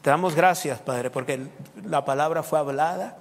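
A man's voice: a little high, normal speed, in a large hall. A man preaching a sermon as pastor, telling stories with laughter and breaking into short prayers and praises. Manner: lively storytelling with laughter and prayer interjections. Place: church sanctuary.

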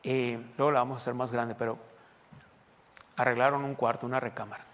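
A man preaching a sermon, talking conversationally and then pushing into loud, emphatic bursts. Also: medium pitch, level tone, fairly quick, long reverb tail. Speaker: pastor.

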